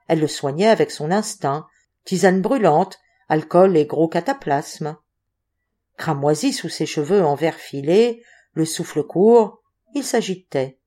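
A woman reading a literary novel aloud as an audiobook narrator, measured and expressive. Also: deep voice. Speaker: audiobook reader.

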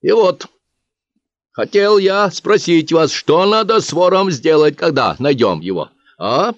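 A man's voice: fairly high pitch, big pitch swings, a little slow, dry recording, pitched above the performer's own voice. A man voicing a stern, self-satisfied village bookkeeper who questions a crowd, in a dry, slightly dull recording. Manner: bossy, questioning, pleased with himself.

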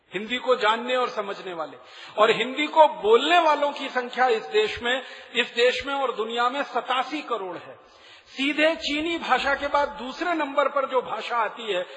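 A man lectures to an audience in a high, bright, forceful voice. He argues through rhetorical questions and spells words out. His voice rings with long reverb in a lecture hall. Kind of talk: public lecture.

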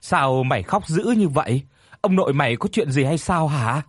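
A man's voice: a little high, animated, moderate pace, husky, dry recording. A man voicing an anxious older village grandmother who scolds in a raised, worried voice.

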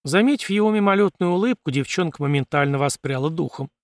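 A male audiobook narrator reads in a steady, even storytelling manner. His voice is gravelly and sits a little high for a man. The recording is close and dry, with no room sound at all. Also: fast talker, no room sound. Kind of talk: scripted narration.

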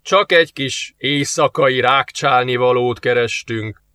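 Smug teasing demon guy in a suit, drawls it out, man reading, bright voice. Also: mid-range voice, no echo, natural voice. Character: suave mocking male demon in a suit.

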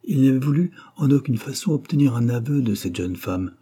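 A man narrating a novel as an audiobook in a measured, steady reading. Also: medium pitch, husky.

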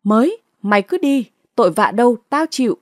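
Woman voicing a threatening village headman man, raised pitch, dry close recording. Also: big pitch swings, brisk, no echo. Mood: angry. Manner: blustering, threatening. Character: angry middle-aged male village headman.

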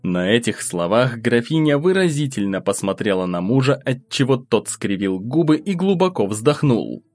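A man's voice: medium pitch, very animated, normal speed, darkish tone, faint music behind. A man steadily narrating an audiobook and voicing the first-person narrator.

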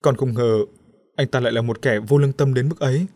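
A man's voice: medium pitch, fairly even intonation, quick pace, a little mellow, no room sound, natural voice. A man voicing a young woman who speaks tearfully and bitterly in a storybook reading. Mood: hurt. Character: young woman, hurt but composed.

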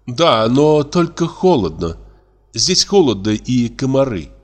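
A man reading a play aloud, voicing a calm, sensible elder sister who speaks gently. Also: mid-range voice, slow pace. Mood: gentle.

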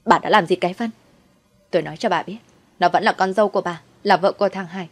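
A woman's voice: on the low side, normal speed, breathy edge. A woman voicing a vengeful, bitter young wife. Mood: furious. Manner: shouting, full of resentment.

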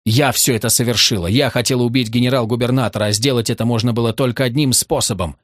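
A man's voice: medium pitch, steady tone, quick pace, no room sound, lightly acted. A man voicing a desperate young woman who pleads urgently for her friends, in a dry audiobook recording. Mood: pleading.

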